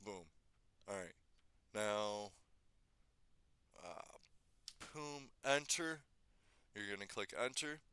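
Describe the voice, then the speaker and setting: A man giving a casual screen-recorded software tutorial, thinking aloud and correcting himself as he goes, slightly losing his voice. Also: lowish voice, animated, very slow, long pauses, clear, resonant tone, no room sound. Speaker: tutorial maker.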